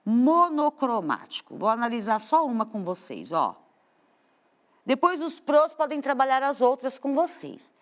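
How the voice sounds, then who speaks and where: A woman's voice: high voice, very animated, moderate pace. A Brazilian woman teacher giving a studio lesson to children, explaining patiently and stretching out the stressed words. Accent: Brazilian Portuguese.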